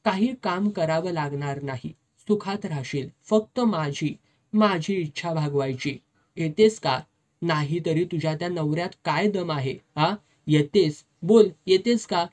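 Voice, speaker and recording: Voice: medium pitch, a little slow, lightly acted. A reader doing a drunk, slurring brute of an officer. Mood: leering. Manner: slurring, bullying, shouts. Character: drunk, lecherous, domineering officer, middle-aged man. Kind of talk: storybook reading.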